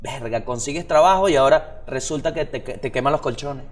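A man's voice: mid-range voice, brisk. A man with a Venezuelan accent, co-hosting a casual chat full of slang and jokes. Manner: slangy, animated, joking. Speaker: podcast co-host.

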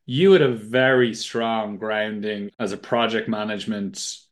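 A man's voice: on the low side, a little slow. A man hosting a podcast interview, asking conversational questions in a friendly way. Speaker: podcast host.

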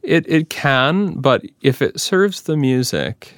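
American man, lowish clear resonant voice, close dry recording, direct, earnest, conversational interview guest. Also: very animated, takes it slowly, a bit bright, dry recording. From near Cleveland, United States. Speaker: professional singer, interview guest.

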